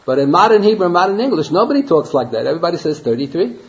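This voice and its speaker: A man's voice: high-pitched, very animated, very fast. A man teaching a Torah class in a conversational way, asking rhetorical questions and mixing Hebrew and Yiddish terms into his English. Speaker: rabbi teaching a Talmud class. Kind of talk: Torah lecture. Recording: dull lo-fi lecture recording.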